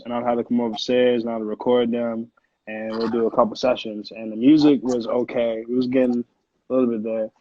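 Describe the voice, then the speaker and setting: In a mid-range, darkish voice, a music producer in his twenties from Connecticut talks casually as an interview guest, with an American accent and slangy, profane language. Dull, roomy lo-fi call audio carries the conversation.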